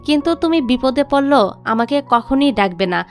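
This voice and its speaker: A woman's voice: high voice, animated, normal speed. A woman voicing a grumpy otherworldly young man who scolds sharply, read in her own voice. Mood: irritated. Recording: faint background music.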